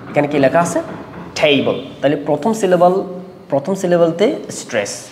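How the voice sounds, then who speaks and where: A man teaches pronunciation in a lesson, asking questions and answering them himself as he repeats words slowly. His voice sits at a middle pitch. The room is echoey with a long reverb, and there is a faint hiss behind him. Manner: switches between Bengali and English. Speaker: English teacher. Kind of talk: classroom lesson on syllables.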